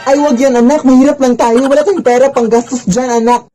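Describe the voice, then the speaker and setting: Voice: high voice, fairly even intonation, fairly quick, lightly acted. Nagging mother, played by a comedian, Filipino accent, fretful and overprotective, comedy skit voice, music behind. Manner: nagging, ends lines with "anak, ha?".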